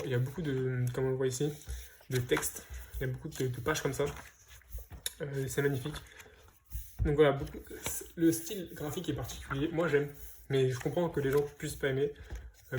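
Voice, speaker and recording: A man's voice: fairly high pitch, darkish tone, a little hiss or hum. Chatty French man showing off comics. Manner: hesitant, many fillers and restarts. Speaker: comic book collector vlogger. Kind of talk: casual unboxing chat.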